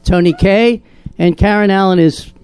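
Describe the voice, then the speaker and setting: A man with a high-pitched, smooth, darkish voice at moderate pace moderates a live onstage panel at a theater event. He is chatty and teasing, laughing with his guests during a lively, joking Q&A.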